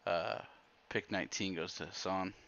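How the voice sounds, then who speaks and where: A man's voice: low-pitched, fairly even intonation, normal speed, vocal fry, fairly bright tone, muffled recording. A man hosting a casual livestream, laid-back and dry as he announces picks. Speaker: host.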